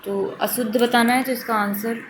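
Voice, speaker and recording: A woman's voice: a little high, moderate pace. Brief: female teacher, patient walkthrough of exam answers, restates correct forms, noisy home-style recording. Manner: steady explanatory, repeats correct forms for emphasis. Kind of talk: exam question walkthrough lesson.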